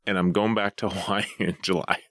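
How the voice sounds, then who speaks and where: A man co-hosting a podcast in a casual chat, rambling through long, drawn-out stories. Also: low voice, steady tone, fairly bright tone, no room sound, studio quality. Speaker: podcast co-host. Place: home basement studio.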